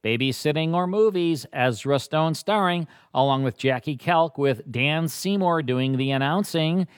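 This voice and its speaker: A man's voice: on the high side, unhurried, clear, resonant tone, dry recording. Man hosting, dry close sound. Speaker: radio show host. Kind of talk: casual presenting of old radio shows.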